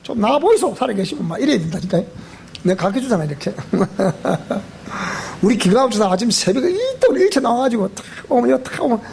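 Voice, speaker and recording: A man with a Gyeongsang accent preaching a sermon in a church, animated, repeating phrases and asking the congregation questions. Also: sits high, a little fast, vocal fry, slight background noise. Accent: Gyeongsang Korean. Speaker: pastor.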